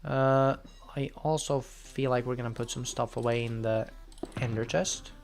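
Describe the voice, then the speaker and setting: An excitable young man from Finland streams a game, giving casual live commentary in a medium-pitched voice at normal speed. He's chatty and breaks into loud, excited outbursts.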